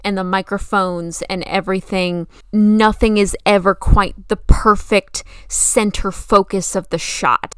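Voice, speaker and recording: A woman's voice: medium pitch, clear, resonant tone, dry recording, clean studio sound. A woman giving enthusiastic, conversational film commentary in an emphatic, gushing and casually opinionated way. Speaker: video essayist and film commentator.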